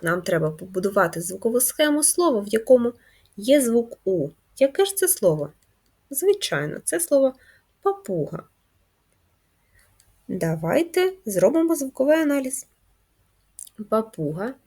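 A woman teaching first graders in a video lesson, speaking slowly and clearly in a sing-song way for young children. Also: medium pitch, darkish tone. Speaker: primary school teacher.

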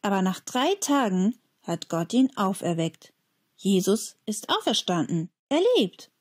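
A woman's voice: mid-range voice, big pitch swings, a little slow, a little mellow. A woman voicing an earnest young schoolboy who pleads and believes in storybook scenes.

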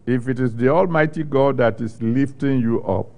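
An older Nigerian pastor preaches a sermon and reads scripture on a studio stage with a large screen behind him, holding a handheld microphone. He speaks slowly and deliberately with long pauses, in a mid-range, gravelly, darkish voice.

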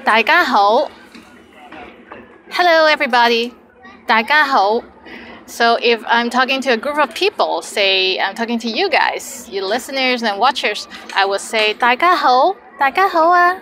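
Woman, Cantonese accent, high bright voice, casual language teacher, chatty explanations, ambient noise behind. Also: lively intonation, measured pace. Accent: Hong Kong Cantonese. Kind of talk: casual language lesson with example phrases and commentary.

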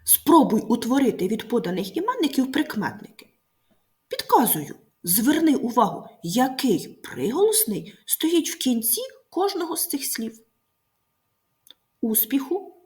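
Woman teacher with a lively voice. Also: high voice. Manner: clear, slow, stressing each word. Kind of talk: recorded video lesson for pupils.

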